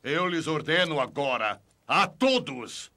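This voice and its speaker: A man's voice: fairly high pitch, sing-song, slow pace, pushed and bright, full character voice. An actor playing a noble, resolute king with a Brazilian Portuguese accent, speaking in solemn, regal declamation for a dubbed film. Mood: solemn resolve. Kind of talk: dubbed film drama acting.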